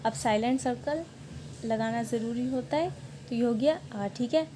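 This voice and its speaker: Patient woman teaching, mellow voice. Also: fairly high pitch, a little hiss or hum. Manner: patient, repeats words slowly and checks in with "okay". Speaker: Korean language teacher. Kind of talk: online language lesson, writing on a board.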